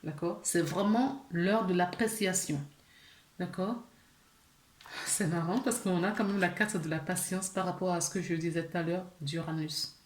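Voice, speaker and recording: A woman's voice: lowish voice, moderate pace, roomy sound. A woman giving a casual tarot reading to her viewers, chatty, with many fillers, restarts and small laughs. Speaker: tarot card reader.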